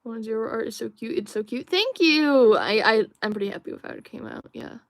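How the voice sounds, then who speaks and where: A woman's voice: on the high side, lively intonation, brisk, no echo, clean studio sound. A young woman hosting a casual livestream while drawing, musing and rambling with many fillers and restarts while she reads viewer chat aloud. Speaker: livestream host.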